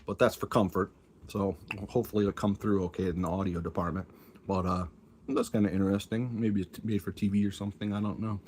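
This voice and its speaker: Man, low-pitched, casual aside-heavy chatter around a cough drop; faint fan hum. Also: steady tone, fast, a little mellow. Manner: muttering, musing aloud with many asides. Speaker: collector showing his tapes. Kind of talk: casual offhand commentary. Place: room at home with a fan running. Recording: faint fan noise behind.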